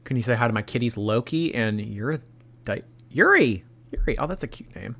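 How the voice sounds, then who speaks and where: This young streamer's mid-range voice is brisk and gravelly, with a slightly stuffy, nasal quality. He chats casually and reads donations, laughing and staying animated as he responds to chat.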